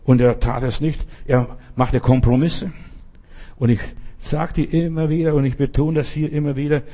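A man's voice: medium pitch, fairly even intonation, moderate pace, mellow. A man preaching a sermon in an earnest, emphatic manner and retelling stories.

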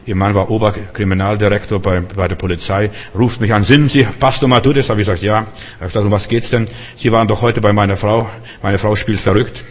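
An older man preaching a sermon, telling a story and acting out the people in it, moving from soft to emphatic. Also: fairly low pitch, steady tone, a little fast. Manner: storytelling preacher, acts out quoted voices, swings from soft to emphatic. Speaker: pastor. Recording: long hall reverb.

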